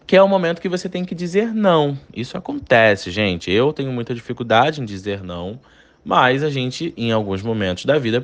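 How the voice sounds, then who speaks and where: Lively Brazilian man teaching English. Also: fairly high pitch. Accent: Brazilian Portuguese. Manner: chatty, explains with frequent tag questions. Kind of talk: online English lesson.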